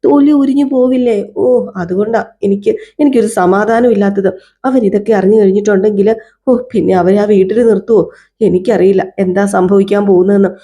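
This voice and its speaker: Give me a woman doing a scheming older mother-in-law, resentful and determined, soft and mellow. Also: mid-range voice, fairly even intonation, fairly quick, husky. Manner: indignant, vowing.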